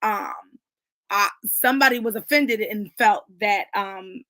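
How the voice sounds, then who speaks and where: A woman's voice: mid-range voice, measured pace, a bit bright, no echo. A woman in casual, emphatic conversation about faith at a book club, talking with lots of fillers.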